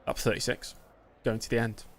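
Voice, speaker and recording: Gravelly and brisk, a young man from Britain keeps a level tone at medium pitch while he plays a racing game live. He's chatty and self-deprecating, replying to viewers in a casual stream commentary.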